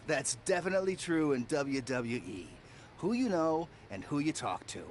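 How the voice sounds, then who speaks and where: An actor voices a friendly, older male cameraman in video game dialogue, a helpful veteran mentor patiently advising a newcomer. The voice is on the high side with big pitch swings at normal speed. A little hiss or hum is audible.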